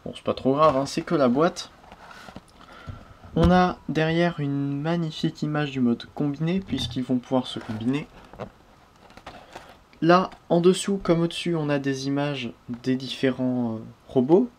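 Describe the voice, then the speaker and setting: A man's voice: fairly high pitch, unhurried, a little mellow, slight background noise. A man hosting a casual toy unboxing review, chatty and prone to small hesitations and self-corrections.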